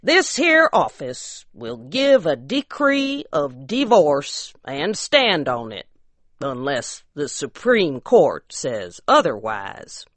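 A woman's voice: sits low, wildly swooping pitch, slow, dry recording, full character voice. A woman voicing a solemn, pompous rural justice of the peace who speaks in formal, ceremonious legal phrases.

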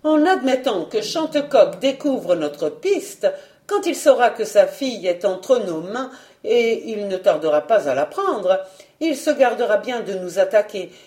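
A woman's voice: mid-range voice, sing-song, unhurried, darkish tone, reverberant. A woman voicing an elegant, scheming female villain in a storybook reading, speaking in a dry, implacable, ironic way. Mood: icy.

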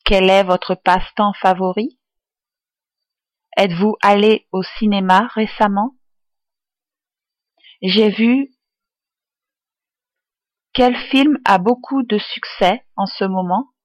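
A woman tutor reading useful phrases aloud for learners, enunciating each one clearly and deliberately. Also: medium pitch, fairly even intonation, no room sound. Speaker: language tutor.

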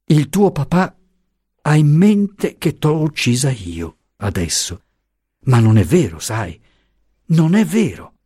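A man puts on a young mother's voice, lifted well above his own, soft and even in her grief. She speaks with a quiet, almost distant calm, her words tender and low in force. The reading sits close and dry, with no room around it. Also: slow, slightly rough, no room sound, heavily acted. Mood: hushed.

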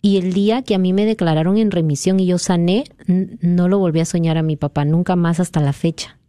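A woman's voice: fairly low pitch, fairly even intonation, fairly quick, mellow, clean tone, no room sound, studio quality. A woman from Peru earnestly retelling a dream as a guest in a conversation. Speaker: guest sharing a testimony. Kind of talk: conversational storytelling.

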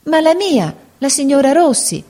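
A naive young servant girl speaks in a raised, anxious voice, pleading and easily frightened, played by a woman reading the book. Her questions come out high and worried. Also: sing-song, moderate pace, dark tone.

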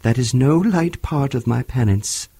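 A man voicing the mournful, stern ghost of a dead miser, declaiming slowly with anguish. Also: medium pitch, animated, creaky, dark tone, husky, no room sound, heavily acted. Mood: solemn.

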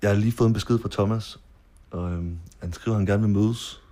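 A man narrating his own documentary in the first person, calm and measured. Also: fairly low pitch. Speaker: filmmaker narrator. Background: marimba music.

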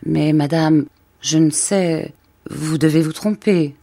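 A woman's voice: low-pitched, takes it slowly, dark tone, exaggerated voice. A woman reading aloud voices an elegant, well-off lady who sounds startled and full of pity. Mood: puzzled. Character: elegant well-off woman, ever young, shocked.

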